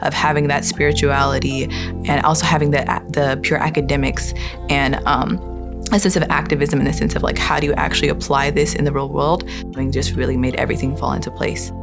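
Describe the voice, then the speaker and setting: A young woman from Atlanta reflects heartfeltly on her first year at seminary. Her voice is unusually low and gravelly with creak, and guitar music plays behind her. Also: level tone, brisk. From Atlanta, Georgia. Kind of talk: personal testimonial.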